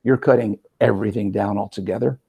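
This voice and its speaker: A man in his forties hosting a casual interview as a coach, talking in an energetic, conversational way with frequent "right?" asides. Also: lowish voice, quick pace, creaky, breathy edge, highs cut off. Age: 40s. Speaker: podcast host and metabolic coach.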